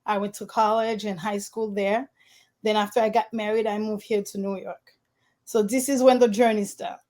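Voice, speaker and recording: A woman's voice: mid-range voice, level tone, moderate pace, darkish tone. A woman from Haiti, a realtor guest in an interview, telling her story in an earnest way, with slightly non-standard phrasing. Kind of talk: conversational interview.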